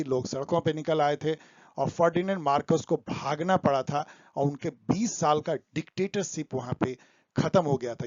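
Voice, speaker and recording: A man's voice: fairly high pitch, a little mellow, no room sound, muffled recording. A man explaining current affairs for exam students over slides, mixing English terms into his talk. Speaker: exam tutor.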